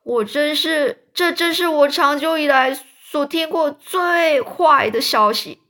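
A woman voicing a gloomy, complaining male earthworm in a storybook, whining in raised, drawn-out words. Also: sits high, sharp tone, voice pushed up, heavily acted.

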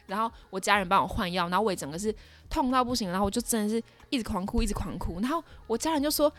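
Her medium-pitched voice is animated and a bit bright, and she speaks rapid-fire. The young podcast host, in her twenties with a Taiwanese Mandarin accent, tells a personal story casually, full of dramatic exclamations and filler words.

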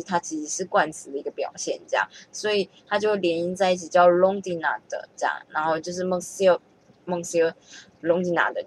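A woman's voice: lowish voice, slightly rough. A woman chatting casually as she thinks aloud, often correcting herself and laughing at her own mistakes. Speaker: vlogger learning French.

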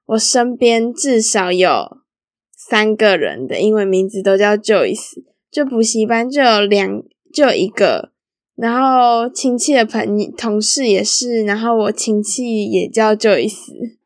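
A woman's voice: mid-range voice, expressive, a little slow, dry recording, clean studio sound. A young woman hosting a solo podcast, telling stories in a chatty, giggly way with lots of casual fillers. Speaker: podcast host.

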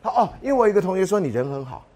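A man's voice: sits high, very fast, noisy background. A man, a university lecturer telling classroom anecdotes, acting out dialogue and asking rhetorical questions. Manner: animated storyteller, acts out dialogue, frequent rhetorical questions.

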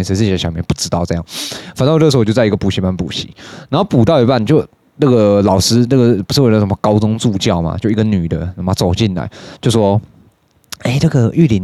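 A young man with a Taiwanese Mandarin accent tells a casual, rambling story into a close, dry studio mic. His voice sits fairly low, and he curses freely between his stories. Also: darkish tone, dry recording. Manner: swears often, jumps into high-pitched mimicry of others. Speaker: podcast host.

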